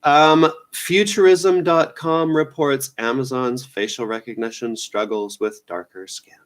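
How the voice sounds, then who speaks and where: A man's voice: medium pitch, steady tone, a little slow. A man hosting a casual news roundup, rambling and offhand, with lots of fillers and restarts. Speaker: news show host.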